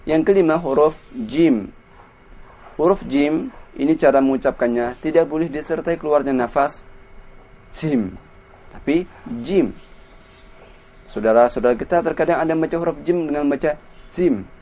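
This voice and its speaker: A man's voice: a little high, dark tone. A man teaching Quran pronunciation, patiently drilling letters and syllables one by one. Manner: patient, spells sounds out slowly and repeats them. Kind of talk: slow tajwid lesson with drilled syllables.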